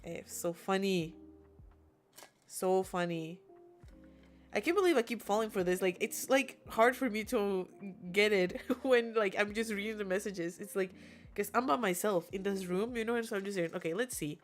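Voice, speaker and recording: Young woman game streamer, English not her first language, laughs a lot, mid-range voice, soft music underneath. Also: medium pitch, moderate pace. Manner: giggly, chatty, reads chat messages aloud. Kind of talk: casual live-stream chat. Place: alone in a room.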